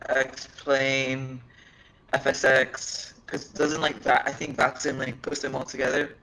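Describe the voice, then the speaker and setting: A man's voice: mid-range voice, completely flat delivery, takes it slowly, creaky, bright, forceful tone, rough recording. A man making dry one-liners in a casual group voice chat.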